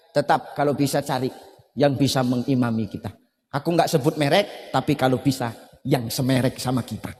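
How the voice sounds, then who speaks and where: A man giving a comic sermon, joking and shouting punchlines. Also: medium pitch, a little hiss or hum. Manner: jokey, shouting punchlines, mixing in Javanese phrases. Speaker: preacher. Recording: hall reverb.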